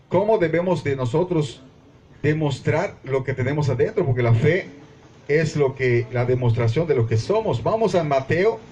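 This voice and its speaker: Pastor, man, Mexican Spanish accent, fervent sermon delivery, slightly high voice, faint room noise. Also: a little mellow. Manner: preaching with fervor, addresses congregation as brothers. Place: small mission church.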